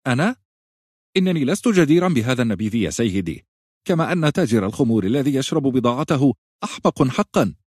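A man voicing a nervous, fawning male wine merchant with smooth, ingratiating sales talk in an audiobook. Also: mid-range voice, lively intonation, rapid-fire, hardly any pauses, a little mellow, no echo, studio quality, pitched above the performer's own voice. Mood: nervous laughing. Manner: ingratiating, overly friendly salesman patter.

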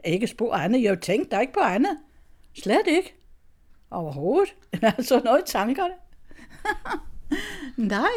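A woman's voice: on the low side, darkish tone. An older woman, telling a personal story in casual talk, chatty and often laughing, with many restarts. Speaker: guest telling her story.

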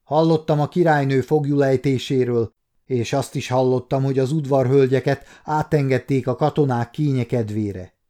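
A man reading an audiobook, voicing a gruff, suspicious noble father who growls his words. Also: medium pitch, mellow, close to an everyday voice.

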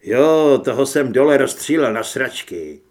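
A man voicing a wisecracking male monster hunter who shouts sarcastic retorts under fire, in an audiobook. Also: medium pitch, animated, lightly acted. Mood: defiant. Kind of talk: audiobook character voice.

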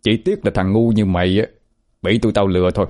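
A man's voice: fairly low pitch, steady tone, quick pace, a little mellow, natural voice. A man voicing a cruel, swaggering male loan shark in a spoken story, talking in a taunting, contemptuous way.

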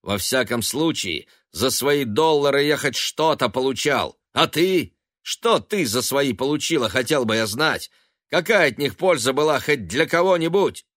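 A man voicing a scornful young man who mocks and shouts at his mother with contempt. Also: fairly low pitch, takes it slowly, no room sound, studio quality. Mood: sneering. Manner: mocking and contemptuous, often shouting.

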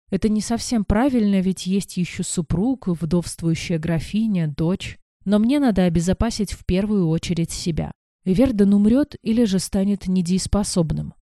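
A woman narrating a fantasy audiobook in the first person, in a measured, wry storytelling manner. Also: fairly low pitch, mellow, dry recording, clean studio sound.

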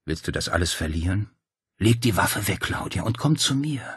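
A man voicing a calm, persuasive male cult leader who coaxes and quietly threatens. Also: deep voice, normal speed, no echo, clean studio sound, full character voice. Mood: coaxing. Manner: smooth, coaxing, quietly menacing.

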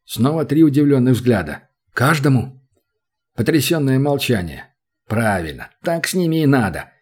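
A man narrating an audiobook in a wry, expressive storytelling manner. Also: medium pitch, moderate pace, husky. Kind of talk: scripted narration.

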